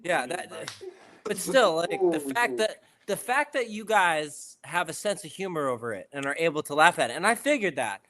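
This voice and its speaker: A man's voice: fairly high pitch, very animated, normal speed, fairly bright tone. A man hosting a podcast in casual chat, enthusiastic and chummy, swearing freely. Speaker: podcast host. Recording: crowd noise behind.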